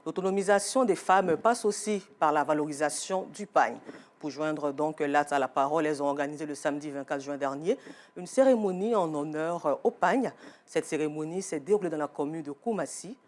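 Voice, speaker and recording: Ivorian woman anchoring the evening news. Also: low voice. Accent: Ivorian French. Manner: measured, with frequent hesitations. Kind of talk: read news presentation.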